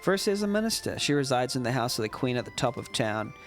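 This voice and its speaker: A man reading aloud the lines of a helpful town guide in a game, brisk and explanatory. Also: medium pitch, big pitch swings, faint music behind.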